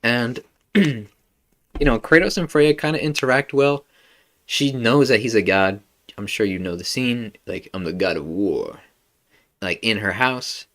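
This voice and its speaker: A man's voice: medium pitch, measured pace, a bit bright. A man hosting a podcast, talking casually about a video game in a slangy, laid-back way full of "like" and "bro". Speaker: podcast host.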